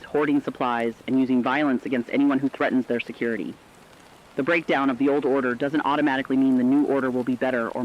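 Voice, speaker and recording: Speaking with solemn reflection, this actor voices an earnest, troubled co-host in a scripted radio drama about the apocalypse. His medium-pitched voice stays close to how he normally talks, though the highs are cut off.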